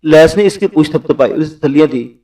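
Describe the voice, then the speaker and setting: Brief: male narrator reading a historical story, fairly high mellow voice, mic set back. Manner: steady narrating. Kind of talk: read-aloud historical fiction. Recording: distant mic.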